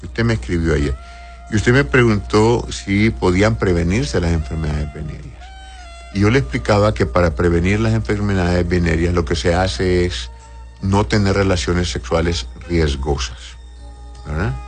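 Over background music, a man with a low, deep voice hosts a call-in advice show as a doctor, reading listener messages aloud and giving conversational medical advice at normal speed. He's avuncular, calling listeners by endearments and often checking that they follow.

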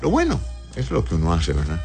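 This very low, creaky male voice swoops wildly in pitch and moves briskly as a doctor hosts a live call-in health show. He reads out viewers' messages, patiently answers each one, and calls people "corazón," with quiet music underneath.

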